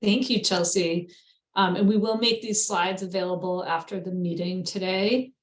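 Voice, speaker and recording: A woman moderating an online meeting, relaxed and hesitant, with many pauses. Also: lowish voice, reverberant.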